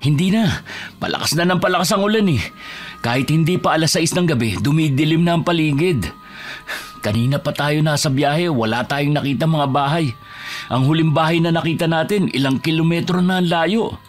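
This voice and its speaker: A man's voice: on the high side, a little fast, faint music behind, natural voice. A man playing a cocky, teasing big brother. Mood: firm. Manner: boastful, teasing, stubborn. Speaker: older brother driving the car. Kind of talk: horror audio drama acting.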